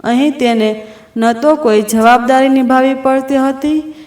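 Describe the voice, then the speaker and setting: A woman narrating a family story in a steady, expressive scripted style. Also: high voice, measured pace. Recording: roomy echo.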